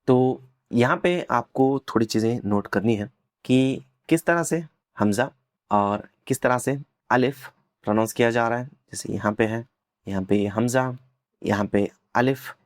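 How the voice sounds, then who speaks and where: A man teaching an Arabic lesson, patiently explaining and slowly repeating words for learners to copy. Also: mid-range voice, no echo, clean studio sound.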